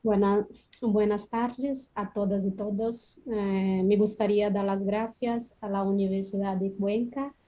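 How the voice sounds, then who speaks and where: A Brazilian woman with a Portuguese accent gives an academic webinar talk over a video call as a guest lecturer. Her voice is medium-pitched and dark, fairly even in intonation and unhurried, and she hesitates often, using many fillers.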